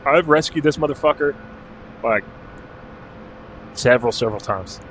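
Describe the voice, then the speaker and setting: At a moderate pace and medium pitch, a man from Alaska chats casually during a helicopter game livestream. The rough recording carries a little hiss or hum, and he swears easily while calling out clock directions and ranges.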